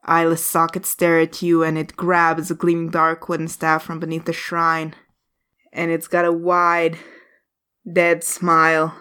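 A woman running a tabletop game as game master, with measured, descriptive narration. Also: deep voice, completely flat delivery, pushed and bright, clean tone.

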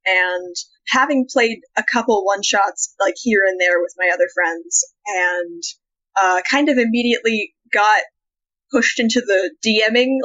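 A woman's voice: mid-range voice, fairly bright tone, highs cut off. Chatty young woman guest. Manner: chatty, uses many fillers like "like", laughs often. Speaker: guest, dice maker. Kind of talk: casual interview.

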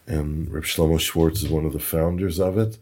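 A man's voice: extremely low pitch, steady tone, normal speed, a little mellow. A man, a podcast guest, telling anecdotes in a chatty way, chuckling and repeating words while he searches for them. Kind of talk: anecdotal storytelling. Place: Toronto.

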